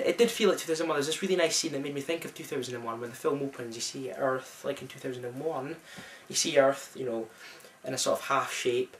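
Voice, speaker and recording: A young Scottish man with a medium-pitched voice chats casually about a film he's reviewing, enthusiastic and rambling with lots of restarts. It was recorded in a friend's flat, sounding roomy with the mic at a distance.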